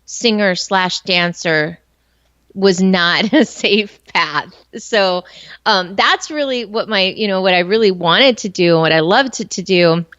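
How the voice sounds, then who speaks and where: A woman's voice: medium pitch, measured pace, a bit bright, dry recording. A woman in her forties, born in Colombia and raised in the United States, speaking candidly as an interview guest with frequent fillers. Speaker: guest entrepreneur. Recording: slightly muffled, dry recording.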